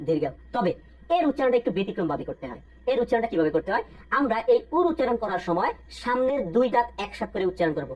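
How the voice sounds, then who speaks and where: A woman with a Bangladeshi Bengali accent leads a step-by-step language lesson with a slightly husky, fairly high voice. She repeats each sound in drills and poses questions that she answers herself, keeping a patient teaching rhythm. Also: muffled recording.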